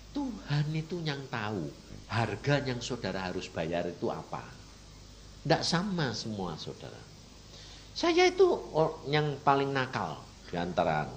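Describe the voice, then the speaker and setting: A male preacher tells a testimony in a casual, emotional way. He calls out to the congregation. His voice soars and sinks across a huge pitch range, from hushed asides to near-shouted peaks. A faint hum of noise sits under the recording. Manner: emotional preaching with sudden loud outbursts and soft drops; colloquial, addresses listeners as brothers and sisters. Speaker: evangelist. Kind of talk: testimony sermon.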